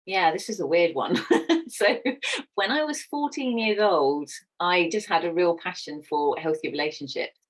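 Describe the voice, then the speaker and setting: Woman, middle-aged, low voice, earnest, casual chat. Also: measured pace, poor audio. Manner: earnest and enthusiastic. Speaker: sex education teacher.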